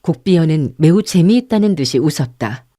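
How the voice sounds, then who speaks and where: A woman narrates an audiobook with calm, measured storytelling. Her voice is lowish and mellow. The recording is dry and close. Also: no room sound. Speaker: audiobook narrator and channel host.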